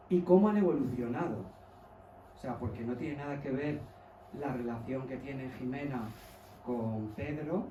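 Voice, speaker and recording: A man's voice: mid-range voice, dark tone, reverberant, recorded from a distance, highs cut off, slight background noise. A man from Mallorca, a journalist, asking the author questions in a playful, curious way. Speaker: journalist guest. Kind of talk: book presentation talk.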